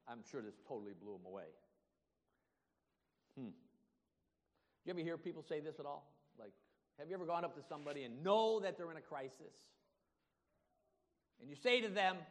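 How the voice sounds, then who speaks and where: A man's voice: mid-range voice, in a large hall. A male pastor preaching a sermon, asking the congregation questions and laughing often. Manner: slow, emphatic, laughs often. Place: church.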